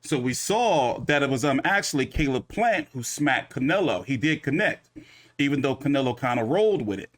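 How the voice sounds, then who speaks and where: A man's voice: mid-range voice, lively intonation, normal speed. A man hosting a loose, rambling recap of a boxing press conference, cursing casually as he talks. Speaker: boxing commentary host.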